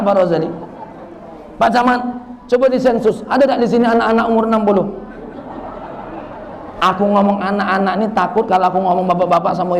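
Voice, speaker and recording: High-voiced joking preacher, South Sumatran Malay accent. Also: male voice, gravelly. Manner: joking, teasing the audience. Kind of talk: sermon.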